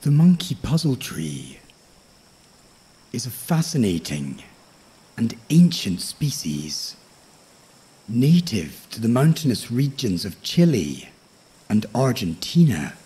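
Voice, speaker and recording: A man with a husky, breathy voice narrating a bedtime story like a nature documentary, tranquil and measured, with frequent pauses. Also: medium pitch, very animated, mellow. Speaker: host of a sleep story podcast.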